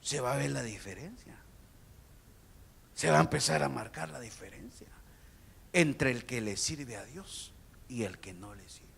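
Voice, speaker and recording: A man, a pastor, preaching a sermon and speaking straight to the congregation, with sudden shouted peaks. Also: mid-range voice, expressive, a little slow, gravelly, pauses often, breathy edge. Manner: addresses the congregation directly.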